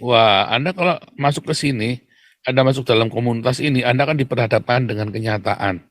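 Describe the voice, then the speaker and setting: A man preaching to an audience in a provocative, confrontational way, firing questions at his listeners and answering them himself, with loud emphatic bursts and low mutters. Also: brisk, no echo, clean studio sound. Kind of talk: preaching monologue.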